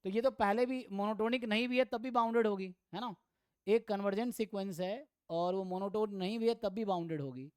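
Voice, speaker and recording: A man teaching an online exam-prep math lecture, thinking aloud and reading theorem statements slowly. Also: high-pitched, smooth, dry recording, clean studio sound. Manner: thinks aloud, mixes Hindi with English terms. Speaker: math tutor.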